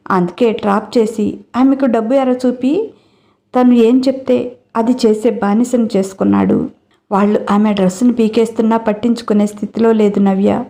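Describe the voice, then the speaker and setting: A woman storyteller reading a dramatic audiobook story with steady, dramatic narration. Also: medium pitch.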